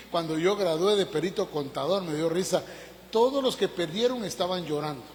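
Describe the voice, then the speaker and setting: A male pastor delivers a sermon in a high, ringing voice. He preaches emphatically, throws out rhetorical questions and surges up in pitch. The sound carries a long reverb, as from a big church hall. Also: normal speed, slight background noise.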